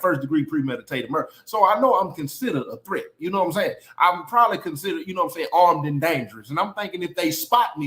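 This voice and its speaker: A man telling a comedic story in an animated way, with loud bursts and playful repeated phrases. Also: fairly high pitch. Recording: roomy echo.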